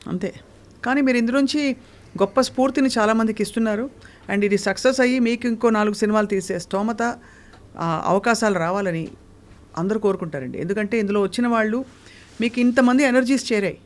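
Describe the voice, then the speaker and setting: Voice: mid-range voice, a little fast. An interviewer asking questions with open admiration in a casual chat.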